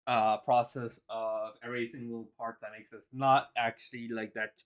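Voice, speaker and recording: A man putting on a nerdy voice, reciting a list in a stilted, halting way. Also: medium pitch, level tone, clean tone, close to an everyday voice. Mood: nerdy recital. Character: nerdy young man reading off his work list.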